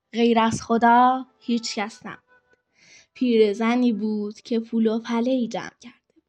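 Lady reading a kids folk tale, rhythmic and rhymey, slightly high voice, soft music under. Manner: slow, rhythmic rhyming storytelling. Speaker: storyteller. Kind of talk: children's story narration.

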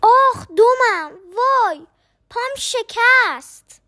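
A woman voicing a small timid young donkey who stammers and squeals in a high, excited voice. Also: full character voice. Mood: wailing.

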